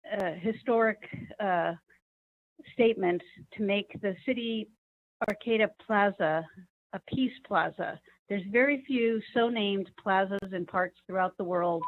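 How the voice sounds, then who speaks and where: A woman calling in on an old flip phone to give a public comment, speaking haltingly with many ums and uhs. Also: mid-range voice, a little hiss or hum. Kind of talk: public comment at a council meeting. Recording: tinny phone line.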